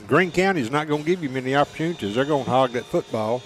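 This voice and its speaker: Drawling radio color commentator. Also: male voice, mid-range voice, expressive. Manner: measured, drawling, teasing. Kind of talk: local radio football commentary.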